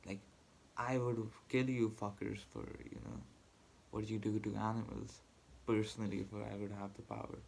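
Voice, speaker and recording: Low gravelly man in a heated rant. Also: darkish tone, a little hiss or hum, low-quality recording. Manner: heated, profane, halting with restarts. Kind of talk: angry personal rant to camera.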